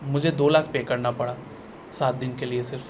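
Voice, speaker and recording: A man's voice: medium pitch, steady tone, moderate pace, background noise. A man talking in a blunt, sarcastic ranting style, often repeating himself and restarting sentences, as a vlogger. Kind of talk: ranting opinion vlog.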